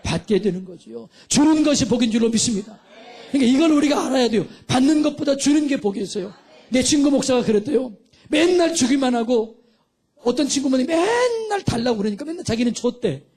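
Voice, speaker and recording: High-pitched husky guy pastor, middle-aged, preaching hard in church, asks for amens. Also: lively intonation, a little fast, a little mellow. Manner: fervent preaching, calls for amens, acts out dialogue. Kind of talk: sermon. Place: church sanctuary.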